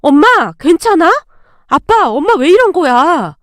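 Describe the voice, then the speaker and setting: A young married daughter speaks frankly and chides her mother, as a woman narrator puts her on. The voice is high and the room sound is dry. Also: very animated, moderate pace, no echo. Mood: chiding. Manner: frank, chiding.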